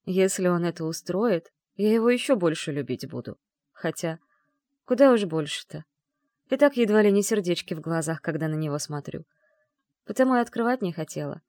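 A woman's voice: fairly low pitch, animated, fairly quick, darkish tone, no room sound, clean studio sound, close to an everyday voice. A woman voicing a feisty young bride from another world, whiny and exclaiming. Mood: tender.

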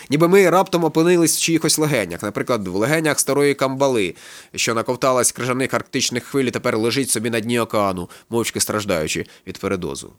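A man narrating a literary audiobook in a brisk, low-key storytelling manner. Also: dry recording.

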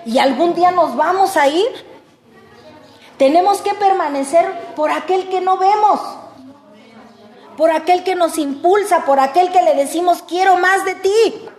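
High-voiced older Mexican woman preaching. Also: roomy sound. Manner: folksy, addresses the flock as "hermanos", swings from loud to hushed. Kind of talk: conversational sermon. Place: church hall.

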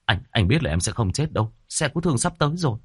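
A man's voice: medium pitch, very animated, very fast, breathy edge, no echo, studio quality, voice pushed up. A man voicing a panicked young husband who stammers reassurances to his wife.

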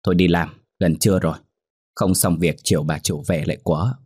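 A man voicing a blunt, scornful old female servant who scolds loudly. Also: deep voice, steady tone, brisk, breathy edge, dry recording. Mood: scolding.

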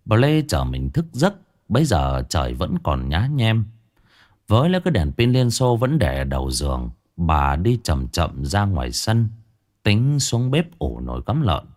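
A man's voice: sits low, sing-song, a little slow, darkish tone. A man narrating a ghost story with a dramatic, swinging delivery.

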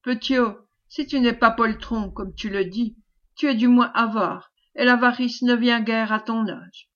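A woman's voice: on the high side, steady tone, measured pace, muffled recording, lightly acted. A woman voicing a jovial male knight with a round, good-natured voice, teasing and laughing.

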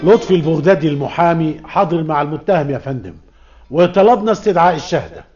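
An actor playing a deferential defense lawyer in a classic radio drama, pleading in Egyptian Arabic. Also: male voice, on the high side, quick pace, darkish tone, faint music behind, close to an everyday voice. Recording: lo-fi old radio recording.

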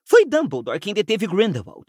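Brief: Brazilian man doing an earnest teen witch girl for an audiobook, pleading, voice swooping lively and raised. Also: fairly high pitch, normal speed, no room sound, clean studio sound, pitched above the performer's own voice. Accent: Brazilian Portuguese. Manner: pleading, explaining patiently. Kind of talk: audiobook character voice.

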